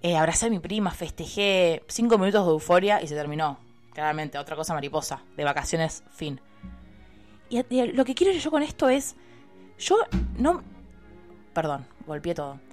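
Young woman, Argentine accent, somewhat low pitch, chatty storytelling, casual swearing, faint background music. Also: expressive, moderate pace, darkish tone. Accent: Argentine Spanish. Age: young adult. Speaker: university student vlogger.

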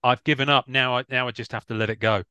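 A man's voice: medium pitch, fairly even intonation, fast, pushed and bright, smooth, no room sound. A middle-aged man hosting a podcast in a casual, wry way, often repeating himself. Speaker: podcast host. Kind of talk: casual podcast chat and sign-off.

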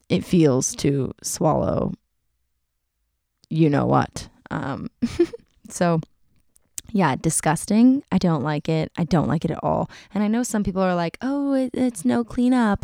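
A woman's voice: fairly low pitch, creaky, darkish tone, no echo, clean studio sound. A young adult woman chatting casually on her own channel, giggling often and filling her talk with "like". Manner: chatty, giggly, full of filler "like". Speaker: YouTuber. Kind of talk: casual chat.

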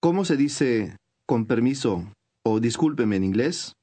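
Man giving clear lesson instructions. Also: medium pitch, animated, measured pace, dark tone. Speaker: language course instructor. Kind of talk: scripted instructional narration.

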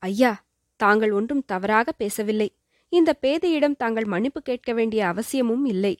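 Young princess, afraid and sobbing, high voice, voiced by the female narrator. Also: lively intonation, moderate pace, no echo, clean studio sound, lightly acted. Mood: sorrowful. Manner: sorrowful, sobbing. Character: young princess, fearful and tearful.

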